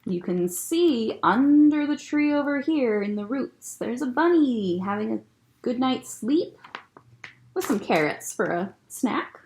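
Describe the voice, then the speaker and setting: Reading a picture book to children, a librarian uses a gentle, expressive manner and calls attention to the illustrations. Her voice sits on the high side and moves a little slowly.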